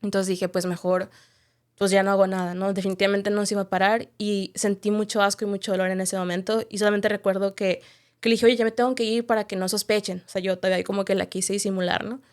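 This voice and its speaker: A woman's voice: medium pitch, level tone, fast talker, smooth. Candid woman telling her story. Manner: candid, reflective storytelling with frequent tag questions. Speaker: podcast guest. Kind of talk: personal testimony in a podcast interview.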